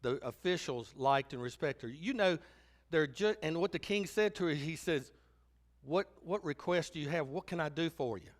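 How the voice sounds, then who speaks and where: A man's voice: fairly high pitch, moderate pace. A man preaching a sermon as pastor, telling stories animatedly and acting out the quotes. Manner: animated storytelling, acts out quotes.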